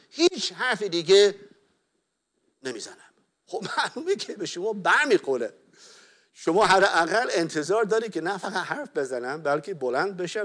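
Earnest male preacher, fairly high voice. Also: fairly bright tone. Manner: earnest, addresses listeners as beloved, reads scripture aloud. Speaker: pastor. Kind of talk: sermon.

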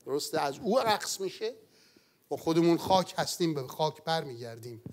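A man preaching a sermon in an earnest manner, rising to loud exclamations and then falling to near-whispers. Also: a little high, very animated. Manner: earnest, swells loud then drops to a hush.

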